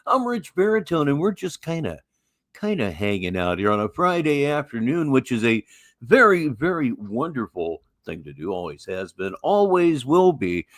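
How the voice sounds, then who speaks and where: A man's voice: mid-range voice, sing-song, moderate pace, dry recording, studio quality. An older American man with a Midwestern accent, hosting a casual livestream with folksy, musing, wry commentary. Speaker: livestream host.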